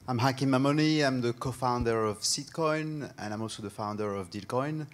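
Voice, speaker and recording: A man speaking on a conference panel in an earnest, deliberate way. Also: medium pitch. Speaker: panelist, startup founder.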